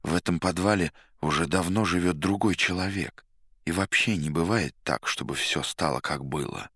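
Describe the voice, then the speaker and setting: A weary, timid writer speaks low and husky, soft and resigned, voiced by a man reading an audiobook. The recording is close and dry. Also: moderate pace, no echo. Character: weary, timid middle-aged male writer.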